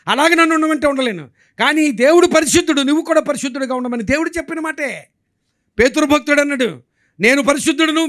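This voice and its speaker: A male pastor preaching a sermon, telling stories and acting out the dialogue with animation. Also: very high-pitched. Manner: animated storytelling with acted-out dialogue.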